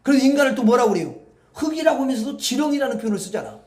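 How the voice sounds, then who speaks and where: A male pastor with a very high voice preaches in a folksy, animated way, rambling and addressing the congregation directly. His sermon echoes around a roomy hall. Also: racing.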